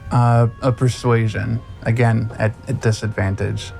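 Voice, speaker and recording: Casual, halting male game master. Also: mid-range voice, little pitch movement, gravelly, a little mellow, soft background music. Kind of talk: running a tabletop game.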